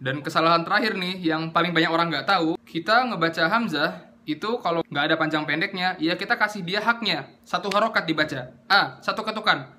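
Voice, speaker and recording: A young man teaches Quran pronunciation in an easygoing, slangy way. His voice sits high and sounds bright and crisp, and he drags out sample syllables to show how they should sound. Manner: slangy, demonstrates sounds by repeating them slowly. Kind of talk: casual tajwid lesson with recited examples.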